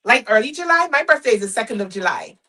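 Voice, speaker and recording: Chatty, husky-voiced woman sewing vlogger. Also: on the high side, quick pace, recorded from a distance, poor audio. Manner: chatty and expressive, breaks into mock-exasperated quoted speech. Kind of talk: casual chat while sewing, reading viewer comments.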